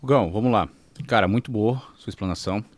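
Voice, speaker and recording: A man hosting a podcast interview, summing up his guest's points as lists before digging deeper. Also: fast, dry recording. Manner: sums up points in lists, then asks for more. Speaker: podcast host.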